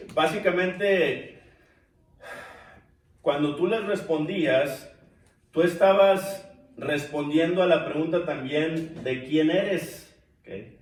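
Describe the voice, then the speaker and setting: Taking it slowly, a man with a high-leaning voice teaches a church Bible class as a preacher, addressing the group as brothers and putting questions to them. The recording comes from a distant mic in an echoey church room.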